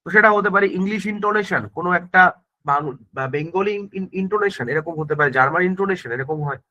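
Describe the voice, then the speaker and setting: A man's voice: high voice, fast talker, sharp tone, lo-fi sound. A male teacher giving an exam-prep grammar lesson, explaining step by step, checking in with tag questions and often restarting his words. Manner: frequent self-corrections and restarts.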